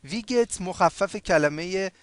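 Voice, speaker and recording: A man gives a relaxed language lesson with a fairly high, smooth voice. He stretches out the example words slowly and raises his voice on them so learners can repeat. The sound is close and dry, with no room echo. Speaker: language teacher. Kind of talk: casual spoken language lesson.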